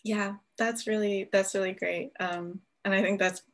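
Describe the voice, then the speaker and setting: A woman's voice: mid-range voice, fairly even intonation, moderate pace. A young woman moderating a student workshop Q&A on a video call, upbeat and laughing easily. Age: young adult. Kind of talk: casual hosting on a video call.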